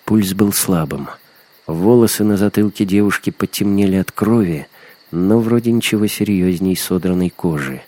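A man calmly narrating an adventure story in measured audiobook style. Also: low-pitched.

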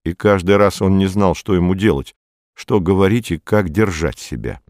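A man narrating a novel as an audiobook in a measured, even way. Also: deep voice, no echo, studio quality.

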